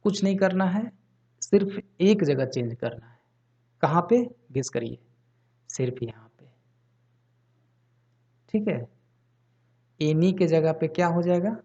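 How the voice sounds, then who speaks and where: Slow, patient man teaching grammar. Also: high voice, animated, dark tone. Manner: slow, patient, asks the learners questions. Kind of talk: explaining a grammar lesson. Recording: slightly dull lo-fi audio.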